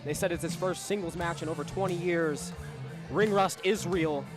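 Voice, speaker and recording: A man's voice: a little high, moderate pace. A man giving casual live wrestling commentary as a guest at the ringside table. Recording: music behind.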